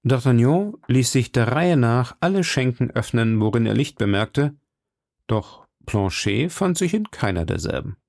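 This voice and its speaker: A man reading a classic novel aloud in steady, measured scripted narration. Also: medium pitch, gravelly, no room sound, studio quality. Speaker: audiobook narrator.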